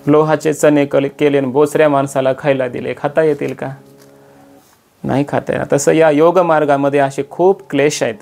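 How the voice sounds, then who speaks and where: A man's voice: fairly high pitch, fairly even intonation, creaky, a little mellow, faint music behind. Man preaching a kirtan sermon. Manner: slows to chant quoted verses, rises in emphasis. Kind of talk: devotional sermon with chanted verses.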